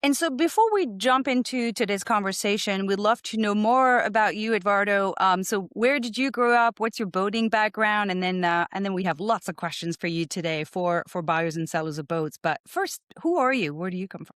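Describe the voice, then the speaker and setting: A woman hosting a podcast interview, asking questions in an upbeat, animated way. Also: medium pitch, moderate pace, hardly any pauses, dry recording, clean studio sound. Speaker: podcast host.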